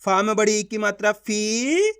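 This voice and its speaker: A man teaching beginners to read, sounding out syllables slowly and asking the learner questions as he goes. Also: high voice, fairly bright tone. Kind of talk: Hindi reading lesson for beginners.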